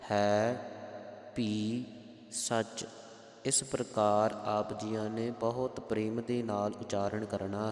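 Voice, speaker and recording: A man teaching careful pronunciation of scripture, spelling out vowel marks and chanting lines slowly. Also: fairly low pitch, a little mellow. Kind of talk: slow pronunciation lesson with chanted verses. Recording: echoey room with long reverb.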